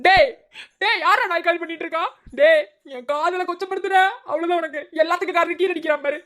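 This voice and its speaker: Rocky, a woman voicing a squeaky, wailing lovesick college boy. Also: quick pace, a bit bright. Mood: indignant. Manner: wailing, self-pitying, over the top. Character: lovesick melodramatic young male college student. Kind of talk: cartoon voice acting.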